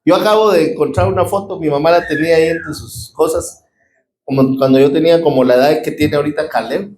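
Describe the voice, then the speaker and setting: A man's voice: on the high side, fast talker, darkish tone, roomy sound, low-quality recording. A middle-aged man with a Guatemalan Spanish accent preaching a sermon as a pastor, calling out to his congregation for responses.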